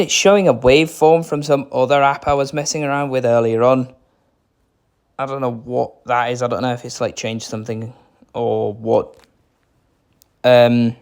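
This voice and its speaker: A man's voice: medium pitch, clean tone. Rambling young guy demoing a phone. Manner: rambling, unsure, lots of fillers. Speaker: phone reviewer. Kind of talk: casual screen-recorded demo.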